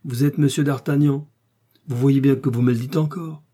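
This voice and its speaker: A man's voice: medium pitch, fairly even intonation, normal speed, mellow, pitched above the performer's own voice, natural voice. A man voicing a stern, suspicious police commissioner who interrogates in a storybook reading. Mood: accusing.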